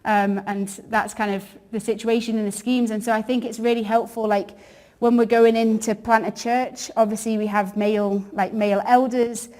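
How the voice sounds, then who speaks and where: A woman's voice: fairly high pitch, little pitch movement, moderate pace, few pauses, darkish tone. A woman women's worker presenting informally, explaining things in a hesitant, conversational way.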